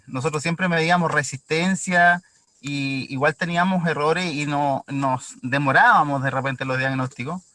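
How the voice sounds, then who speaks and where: A man's voice: fairly high pitch, bright, forceful tone. A man from Chile, a mechanic giving a hesitant testimonial from inside a car. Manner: hesitant, tags lines with "¿ya?". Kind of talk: casual testimonial.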